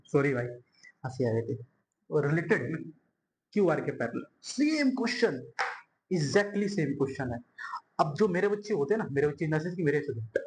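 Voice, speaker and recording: A man's voice: sits high, slight background noise. A young man teaching a board-exam math lesson at a whiteboard, chatty and friendly, calling students bhai and yaar and repeating words as he draws.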